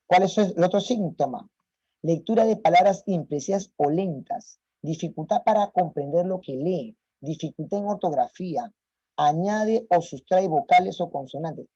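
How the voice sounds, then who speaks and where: Man lecturing, emphatic, dark tone, muffled dry audio. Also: on the high side, husky, dry recording. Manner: emphatic, rhetorical questions to students. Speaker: teacher. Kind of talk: online lecture.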